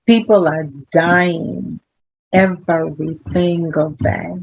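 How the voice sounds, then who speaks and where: A woman who works as a hospital social worker, telling stories in a lively, humorous way and acting out other people's voices. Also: lowish voice, slow, vocal fry, dry recording, low-quality recording. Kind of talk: casual interview storytelling.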